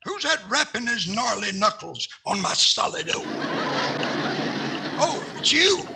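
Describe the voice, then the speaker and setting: An older man playing a blustering, boastful Southern senator in a 1940s radio comedy style, raspy and repeating himself. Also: extremely high pitch, big pitch swings, a little slow, very noisy, full character voice. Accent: American South.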